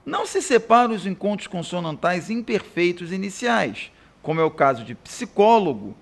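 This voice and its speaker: A Brazilian man gives a recorded grammar lesson in a high, animated voice. His tone has a gravelly edge, and he slows down to spell out each example word. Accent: Brazilian Portuguese. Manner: didactic, spells out example words slowly. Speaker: Portuguese teacher.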